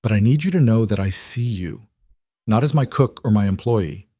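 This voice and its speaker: A man voicing a proud rancher, delivering halting, heartfelt lines in a low, steady voice. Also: no room sound, clean studio sound. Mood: tender. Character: proud, struggling man who runs a ranch.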